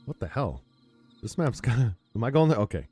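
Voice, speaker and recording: A man streaming a game, chatting casually and rambling with frequent laughs into a close mic on a boom arm. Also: brisk, faint music behind. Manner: rambling, relaxed, laughs often. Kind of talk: casual chat while gaming. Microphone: close studio mic on a boom arm.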